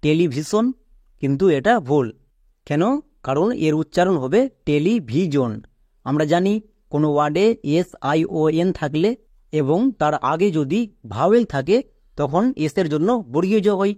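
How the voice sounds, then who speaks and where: A man walks through English pronunciation rules, raising his own questions and then answering them. His voice sits a little high for a man. The recording is dry and close, with no room sound. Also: normal speed, darkish tone, no room sound. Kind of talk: step-by-step spoken lesson.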